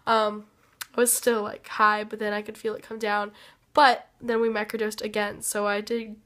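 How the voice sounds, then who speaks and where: Slow, flat-voiced sick woman rambling. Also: medium pitch, vocal fry. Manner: hesitant, trailing off with many fillers. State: sick, rough voice. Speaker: vlogger. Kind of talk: rambling personal update.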